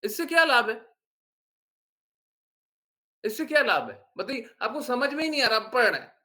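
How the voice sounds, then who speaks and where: A man giving an informal devotional talk as a spiritual teacher, animated and scolding with rhetorical questions. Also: extremely high pitch, moderate pace.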